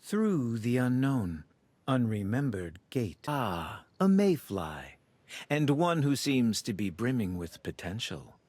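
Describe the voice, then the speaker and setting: Casting: riddling scholar for a game, grandiose and formal, very lively intonation, dry studio sound. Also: male voice, medium pitch, takes it slowly, dry recording. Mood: grandly intrigued. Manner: theatrical, poetic, formal. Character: pompous, well-dressed male scholar fond of riddles. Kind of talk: video game voice acting.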